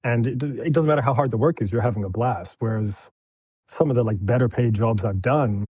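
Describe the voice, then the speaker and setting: Husky-voiced male film director guest. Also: mid-range voice, a little fast, dry recording. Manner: animated storyteller, candid. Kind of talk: casual interview chat.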